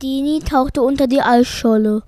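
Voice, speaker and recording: A woman's voice: sits high, moderate pace, noisy background. A woman reading a scripted children's story as narrator.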